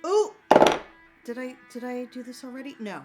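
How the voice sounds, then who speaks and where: A middle-aged woman chatting casually as she works on a craft, candid and quick to swear, laughing often and correcting herself mid-sentence. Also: high voice, expressive, loud music behind the voice. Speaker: crafter chatting while working. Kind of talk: casual chat.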